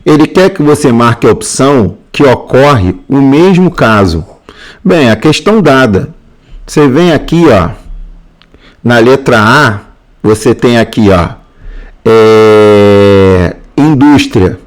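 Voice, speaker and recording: A man's voice: medium pitch, animated, slow. A male teacher with a Brazilian Portuguese accent, going through exam answers step by step and repeating key points. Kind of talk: exam answer walkthrough lesson.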